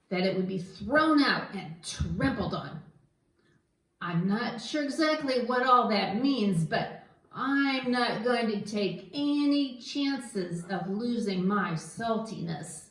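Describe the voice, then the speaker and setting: A woman voicing a naive, snack-loving male puppet in a church skit, earnest and literal-minded. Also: medium pitch. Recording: echoey room.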